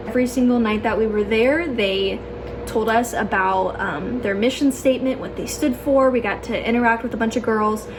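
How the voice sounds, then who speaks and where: Young woman, higher voice, casual vlog storytelling, chatty, gushing, noticeable background noise. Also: moderate pace. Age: young adult. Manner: chatty, gushing, peppers talk with "like" and "oh my gosh". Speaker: vlogger. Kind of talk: casual personal storytelling to camera.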